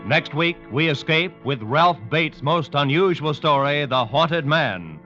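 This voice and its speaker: A man announces an old radio adventure show in a crisp, formal, declamatory voice that sits fairly high for a man. Loud orchestral music swells under his words. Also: lively intonation, a little slow, highs cut off.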